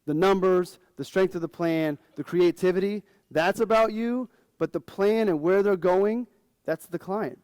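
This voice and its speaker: A man's voice: high voice, a little slow, a little mellow, no echo. A man in his forties, a financial advisor, giving a casual, frank conference talk to fellow advisors.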